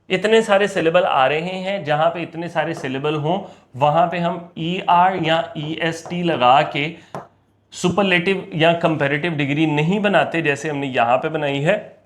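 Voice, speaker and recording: Slow, higher-voiced male teacher. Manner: explains in Urdu-Hindi mixed with English examples; reads example sentences slowly and deliberately. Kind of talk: grammar lecture.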